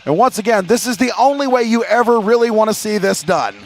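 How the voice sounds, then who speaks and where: An American man doing airshow commentary as the announcer, addressing a crowd in a showman's style with drawn-out emphasis. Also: sits high, vocal fry.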